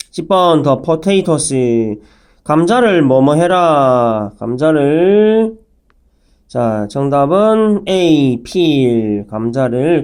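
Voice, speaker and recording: A man teaching English phonics in a slow, clear vocabulary lesson, spelling words out letter by letter and dropping the odd pun. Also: fairly high pitch, a little mellow.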